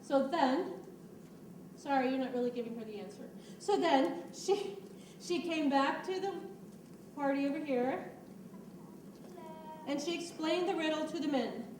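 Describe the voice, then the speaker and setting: A woman's voice: sits high, expressive, a little slow, pauses often. A woman narrating a story and directing children through a church skit, giving patient, coaxing instructions. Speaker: children's ministry leader directing a Bible skit. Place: church room. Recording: roomy, distant mic with background noise.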